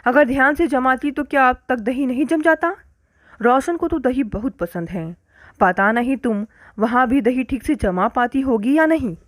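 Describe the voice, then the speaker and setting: A woman voicing a sharp-tongued, nagging older mother-in-law in a storybook reading, in a scolding, complaining manner. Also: sits high, animated, moderate pace, no echo.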